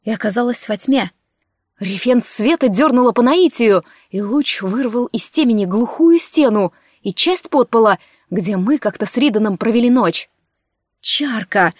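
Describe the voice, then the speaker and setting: A woman's voice: a little high, moderate pace, dry recording, clean studio sound. Woman narrating a fantasy audiobook. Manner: lively, dramatic reading with voiced characters.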